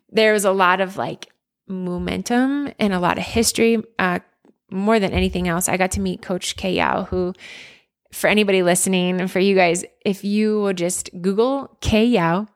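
A gravelly, mid-range female voice belongs to an interview guest in her forties who once played basketball and hails from near Philadelphia. The conversation is reflective, and she speaks with earnest candor, often using fillers and restarting her sentences.

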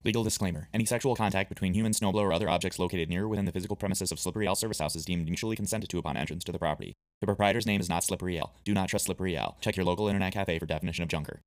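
Super fast legal disclaimer guy, a man reading it, deep and dry, flat rattle. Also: no room sound. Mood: rushed. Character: rapid-fire male legal disclaimer voice. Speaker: disclaimer reader.

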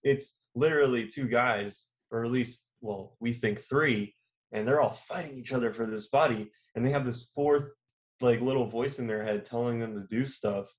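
A man's voice: medium pitch, normal speed. A man co-hosting a podcast, talking casually in long rambling turns with many fillers and restarts. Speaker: podcast co-host. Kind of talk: casual chat.

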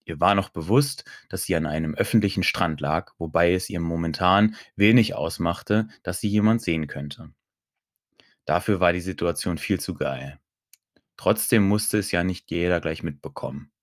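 A man reading a first-person audiobook story in a calm, even way. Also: sits low, moderate pace, no echo, studio quality. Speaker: audiobook narrator.

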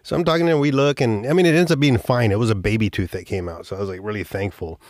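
A man's voice: fairly low pitch, rapid-fire, darkish tone, no room sound, studio quality. A man hosting a podcast, telling a rambling story casually, with swearing and offhand jokes. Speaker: podcast host.

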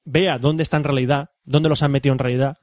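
A man's voice: medium pitch, fairly even intonation, fast, darkish tone, dry recording, clean studio sound. A man hosting a casual chat, retelling a film's story with many fillers and restarts. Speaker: podcast host. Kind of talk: casual chat about a film.

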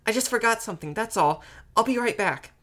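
A man's voice: high voice, animated, moderate pace, fairly bright tone, voice pushed up. A man voicing a bratty little girl, a younger sister who whines, pouts and teases, in an amateur audiobook reading. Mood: childish. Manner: whiny, pouting and teasing.

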